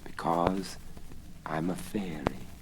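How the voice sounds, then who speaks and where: A mysterious fairy woman, as a man acts her out in a storybook tale. The speech is soft, solemn and unhurried, with light surface noise from an old record. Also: lowish voice, lively intonation. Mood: soft confession. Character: gentle, mysterious young fairy woman, softly spoken. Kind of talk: dramatic storybook reading. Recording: crackly 1970s vinyl spoken-word record.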